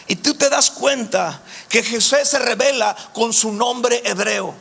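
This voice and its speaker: High, gravelly man teaching scripture. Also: slow pace, a bit bright. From Mexico. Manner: emphatic, addresses listeners directly. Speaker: Bible study teacher. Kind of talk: Bible study teaching.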